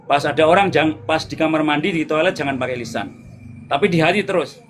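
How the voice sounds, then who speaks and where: Javanese man giving a relaxed spiritual talk. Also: fairly high pitch, fast talker, slight background noise. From Java, Indonesia. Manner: relaxed, repetitive, preaching in short phrases. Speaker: spiritual teacher hosting a live stream. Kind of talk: casual spiritual talk answering viewers' comments.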